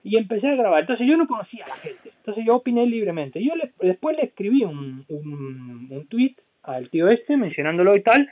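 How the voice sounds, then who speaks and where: Animated blunt man on a tinny line. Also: high-pitched, fairly quick, few pauses, a little hiss or hum. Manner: blunt, profane, animated storyteller. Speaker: podcast host. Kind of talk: casual podcast chat. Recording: tinny phone-like sound.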